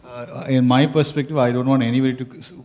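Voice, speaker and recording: A man from the audience answers quickly in a mid-pitched voice. He stumbles and keeps restarting his sentences. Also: little pitch movement, darkish tone. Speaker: audience member. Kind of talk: answering a question at a seminar.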